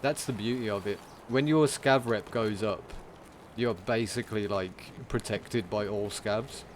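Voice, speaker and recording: A man streaming a game, talking through it in a casual, monotone commentary. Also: fairly low pitch, a little slow, noisy background.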